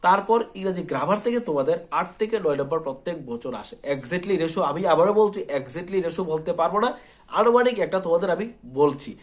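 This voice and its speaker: A man's voice: sits high, animated, fast talker. A man teaching an exam-prep lesson, repeating points and often checking in with his students. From Tripura, India. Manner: repetitive, reassuring, checks in often with "thik ache".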